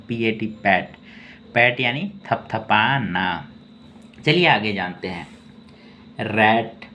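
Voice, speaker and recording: A male English teacher runs a slow, methodical spelling and reading lesson, spelling each word letter by letter and then repeating it, with frequent "okay"s between explanations. His mid-range voice sounds pushed and bright. The sound is dull and lo-fi with faint ambient noise.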